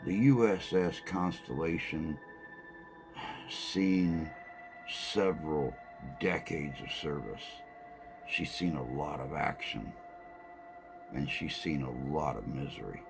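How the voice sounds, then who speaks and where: A man hosting a paranormal podcast, speaking slowly and deliberately with dramatic pauses. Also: extremely low pitch, vocal fry, music in the background. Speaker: podcast host. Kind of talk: slow reflective podcast narration.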